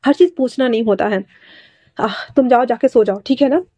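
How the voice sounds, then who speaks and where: A woman's voice: a little high, brisk, mellow, dry recording, natural voice. A woman voicing a stern, awkward young man who speaks curtly and stammers. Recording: dull lo-fi dry recording.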